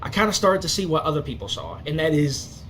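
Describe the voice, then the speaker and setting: A higher-voiced man commentates on sports in a quick, rambling way, circling back and hedging as he goes. His s sounds whistle through his teeth, and there is some noise in the homemade recording. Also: expressive, a bit bright, poor audio. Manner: long-winded, hedging, repetitive.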